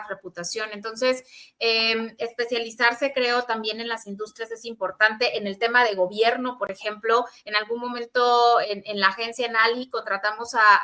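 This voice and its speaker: A woman's voice: on the high side, bright, forceful tone. A woman who works in public relations, giving earnest advice on a podcast with a few restarts. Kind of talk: podcast conversation.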